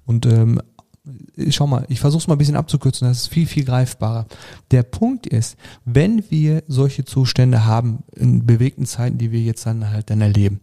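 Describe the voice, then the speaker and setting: A man's voice: mid-range voice, dark tone. A man speaking as a life coach, explaining his approach in casual conversation with frequent fillers and restarts. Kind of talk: casual interview talk.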